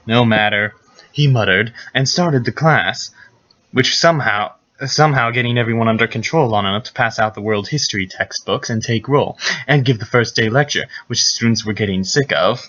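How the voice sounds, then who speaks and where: A man's voice: medium pitch, normal speed, fairly bright tone. A man narrating a mock dramatic reading with sarcastic, theatrical commentary. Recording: dull lo-fi recording.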